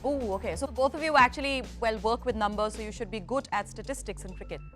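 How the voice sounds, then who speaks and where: A woman's voice: a little high, quick pace. A woman presenting a quiz show in an upbeat hosting style. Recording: music under the voice.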